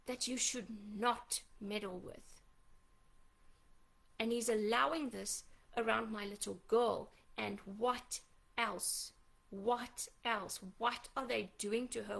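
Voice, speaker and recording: High, gravelly-voiced woman. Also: pushed and bright. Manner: accusatory, pleading, rapid-fire questions. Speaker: mother making a public appeal. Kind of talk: impassioned direct-to-camera appeal.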